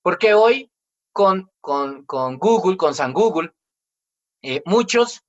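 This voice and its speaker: A man's voice: high-pitched, expressive, slow pace, muffled recording. A man in his forties preaching a family sermon as pastor, emphatic, and he acts out children's complaints in quoted voices.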